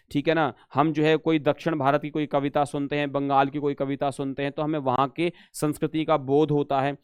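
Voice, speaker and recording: A man's voice: fairly high pitch, clean tone, no echo, studio quality. A male teacher giving a live exam-prep lesson, reading Sanskrit questions aloud, then explaining them in Hindi and coaxing students to answer. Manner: calls students "beta".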